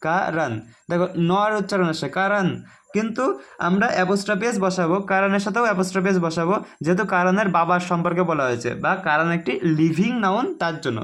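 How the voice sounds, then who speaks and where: A man's voice: sits high, fairly bright tone. A man teaching a casual online grammar lesson, chatty and repetitive, checking often that students follow. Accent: Bengali. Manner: chatty, keeps asking "ঠিক আছে?"; explains slowly, repeating each rule.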